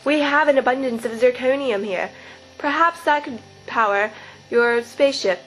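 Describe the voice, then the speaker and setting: An earnest, brainy alien woman in a campy adventure serial, played by a woman. She reels off pseudo-science in a dramatic tone, her voice on the higher side with faint music underneath. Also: normal speed, fairly bright tone, rough recording. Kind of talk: campy radio-serial acting.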